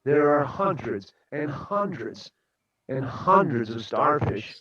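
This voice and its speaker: A man's voice: medium pitch, sing-song, slow, echoey room, far from the mic, highs cut off, crowd noise. A man voicing a skeptical older man on a beach, who talks in a dismissive, lecturing way.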